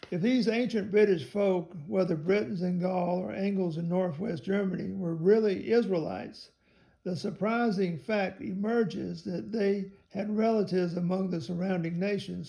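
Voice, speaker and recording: A man reading a theology text aloud in a measured way, spelling out some words letter by letter. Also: high-pitched, gravelly, dark tone.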